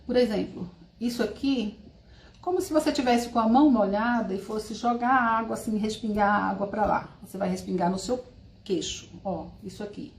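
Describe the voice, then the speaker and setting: A woman's voice: medium pitch, moderate pace, creaky, roomy sound, a little hiss or hum. A woman from Brazil teaching a live-streamed language class, explaining patiently and checking in with tag questions.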